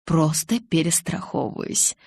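A woman reading an audiobook, voicing a calm, teasing young male vampire who speaks slowly and softly. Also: creaky, husky, no room sound, exaggerated voice. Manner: slow, low, soft-spoken.

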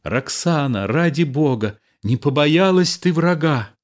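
A man's voice: fairly high pitch, expressive, unhurried, voice pushed up. Guy reading as an impulsive young soldier, voice lifted, eager and pleading. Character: ardent young male soldier, impulsive and anxious.

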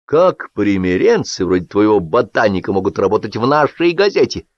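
Brief: a domineering male editor who talks down to his staff, raised and lively, read by a man, dull lo-fi audiobook. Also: on the low side, moderate pace, no echo. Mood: lecturing. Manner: authoritative, condescending. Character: stern domineering male newspaper boss.

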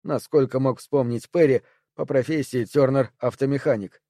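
A man narrating an audiobook in a steady storytelling manner. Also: medium pitch, normal speed, dry recording, clean studio sound.

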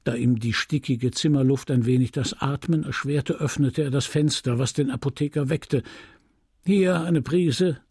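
A man reading a classic novel aloud in a measured, grave narration. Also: mid-range voice, fairly even intonation, a little mellow, husky, dry recording, studio quality. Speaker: audiobook reader. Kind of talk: scripted literary narration.

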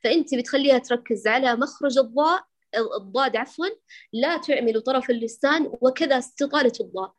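A woman's voice: high-pitched, fast. A woman instructor answering a student's question in a lecture, quoting verses and teaching lines. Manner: instructive, quotes verses and poems. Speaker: Quran recitation instructor.

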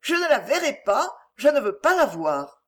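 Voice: high voice, very animated, normal speed, fairly bright tone, pitched above the performer's own voice. An audiobook reader voicing a stiff, dignified countess refusing to meet a visitor. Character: stiff proud old countess, cold.

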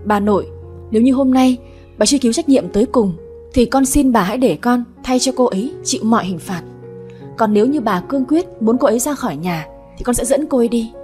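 A woman's voice: on the high side, a little fast, darkish tone, soft background music, lightly acted. A woman voicing a devoted young husband who pleads earnestly with his grandmother.

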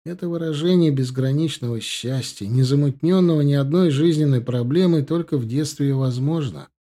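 A man's voice: on the high side, a little fast, warm tone. A man narrating an audiobook in the first person, reflective and conversational.

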